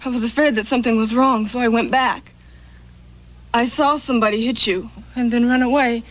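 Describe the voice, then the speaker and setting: A woman's voice: fairly high pitch, fairly even intonation, a little fast, lightly acted. An actress playing a nervous young woman singer, guarded and frightened, in a TV crime drama.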